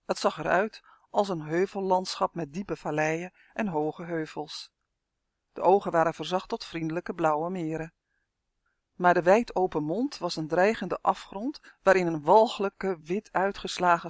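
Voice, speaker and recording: Lively storybook narrator, dry close sound. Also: female voice, fairly low pitch, dry recording. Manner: lively expressive reading.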